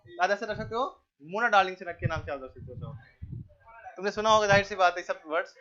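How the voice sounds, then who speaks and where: A male teacher giving a classroom lecture, asking the class questions, answering them himself, repeating key names and telling the students to keep quiet. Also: high-pitched, fast, lo-fi sound. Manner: tells the class to keep quiet and pay attention.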